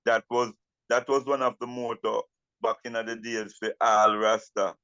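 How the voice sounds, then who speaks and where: Older jamaican rasta elder guy, rasta speech, talks real slow n deliberate, kinda dull lo-fi audio. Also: on the low side, level tone, sharp tone, smooth, no room sound. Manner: Rastafari speech with patois turns of phrase; deliberate, repeats words and phrases. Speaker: interviewee, Rastafari elder and drummer. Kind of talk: reflective interview talk.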